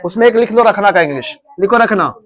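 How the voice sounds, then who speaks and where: A man's voice: high-pitched, expressive, quick pace, fairly bright tone. Indian guy teaching grammar in class, says words again and again so kids repeat. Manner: repeats words for students, drills pronunciation. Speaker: English grammar tutor. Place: coaching classroom.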